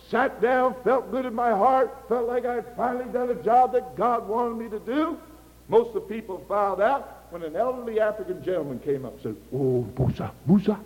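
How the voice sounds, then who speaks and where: A man's voice: very high-pitched, long reverb tail, poor audio. An older man, a missionary preacher, telling stories in a sermon and acting out the dialogue with animation. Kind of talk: sermon with personal storytelling.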